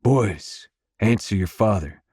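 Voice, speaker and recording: A man's voice: lowish voice, animated, slow pace, warm tone, breathy edge, dry recording, studio quality, heavily acted. A man voicing a bellowing older father. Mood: firm. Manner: bellowing, instructive. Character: older father of grown sons, firm.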